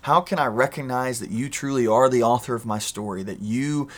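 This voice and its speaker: A man's voice: medium pitch, fairly quick. A man, a pastor and podcast host, talking in an earnest, easygoing way with frequent restarts. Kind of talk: casual church podcast discussion.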